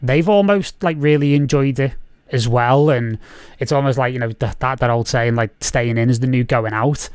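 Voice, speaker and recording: A podcast host in his thirties with a Scouse accent runs a casual video-call interview from a room at home, rambling with lots of fillers. His mid-range voice is smooth and moderately paced. Through a boom-arm studio mic, the sound is dry and studio-clean.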